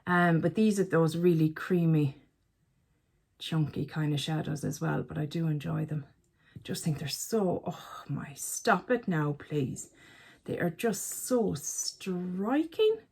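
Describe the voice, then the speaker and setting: A woman's voice: sits low, lively intonation, unhurried, vocal fry, dark tone, slight background noise. A woman chatting casually to camera as a beauty vlogger, chatty and self-mocking, often talking to herself. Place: at home by a counter.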